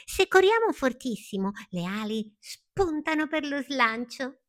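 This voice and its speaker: A woman voicing a lively, bouncy female caterpillar full of ideas, talking in an excited, high, exclaiming way. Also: a little slow.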